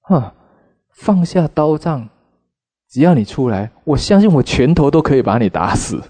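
A man's voice: fairly high pitch, sing-song, normal speed, warm tone, breathy edge, pitched above the performer's own voice. A man doing a blustering, hot-tempered husband.

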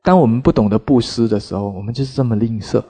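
A male Buddhist teacher retells a scripture story in his sermon. He tells it in an animated way, scattering filler particles as he goes. His voice has a mellow, soft tone at a middle pitch. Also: fast, slightly rough.

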